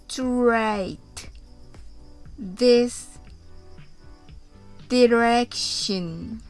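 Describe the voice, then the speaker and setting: A high-pitched woman hosts an English lesson podcast at a slow, unhurried pace. She speaks gently and carefully, stretching out each English example. Soft music plays faintly behind her. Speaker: English conversation podcast host.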